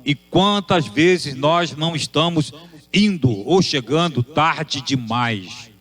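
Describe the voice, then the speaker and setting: A man's voice: on the high side, lively intonation, slow pace, fairly bright tone. A man preaching a sermon, posing emphatic rhetorical questions.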